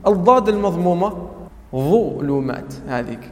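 A man teaching tajweed to a class. He repeats key terms, quizzes his students and recites Quranic words slowly as examples. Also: high voice, animated, in a large hall. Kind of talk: classroom lecture.

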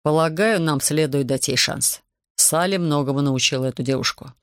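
A woman reading an audiobook, voicing a calm, wealthy male plantation master who talks smoothly and patronizingly. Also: low voice, moderate pace, dry recording, clean studio sound. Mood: unruffled.

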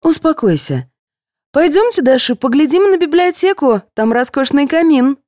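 Woman playing a fussing head nurse, high sing-song voice, lively, mellow, audiobook reading. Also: normal speed, no echo, studio quality. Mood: coaxing. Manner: coaxing, scolding gently. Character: kindly fussing adult female head nurse.

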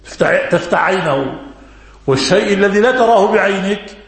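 A man's voice: high voice, expressive, brisk, creaky. A man giving a religious lesson, answering questions, repeating key words and quizzing his listeners. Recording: very echoey room.

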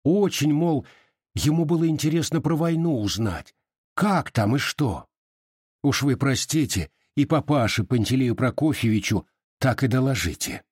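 A man reading an audiobook voices a fawning, apologetic village postmaster, mumbling his excuses in a husky voice. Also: mid-range voice, lively intonation, moderate pace, darkish tone, no echo, studio quality, pitched above the performer's own voice.

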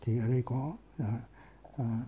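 A man, a Buddhist monk, explaining scripture terms word by word in an unhurried lesson with many filler pauses, carefully sounding out each foreign term. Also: medium pitch, dark tone, slightly rough, dull audio. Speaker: Buddhist monk teaching Pali.

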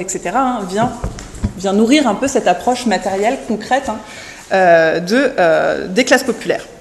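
A woman's voice: medium pitch, echoey room, a little hiss or hum. A woman presenting a seminar introduction, hesitant, with many fillers and restarts, speaking up so a remote listener can hear.

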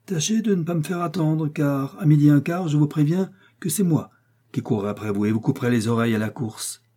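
A man's voice: lowish voice, level tone, fast, a little mellow, lightly acted. A man reading an audiobook, voicing a proud, wounded male musketeer who speaks with haughty menace. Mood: threatening.

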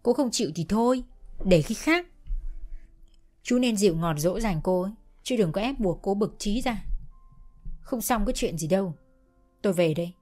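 A woman voicing a calm middle-aged male visitor who speaks in a soothing, placating way. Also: mid-range voice, normal speed, long pauses, soft background music, natural voice.

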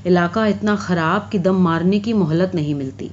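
A woman's voice: on the low side, a little mellow, highs cut off, a little hiss or hum, lightly acted. A woman reading aloud, speaking as a sheepish male lover who pleads and makes excuses. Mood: pleading.

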